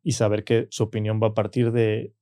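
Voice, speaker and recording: Mexican man, dark, conversational. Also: lowish voice, flat delivery, brisk, no room sound, clean studio sound. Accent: Mexican Spanish. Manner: frequent "¿no?" and "o sea" tags, acts out quoted voices. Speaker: podcast guest. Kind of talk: casual conversational storytelling.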